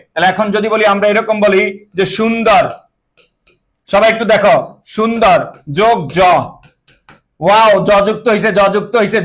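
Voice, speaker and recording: A man's voice: sits high, a bit bright, poor audio. A young male teacher, giving an online class. He keeps asking his students questions and answering them himself, and he mixes English words into his speech.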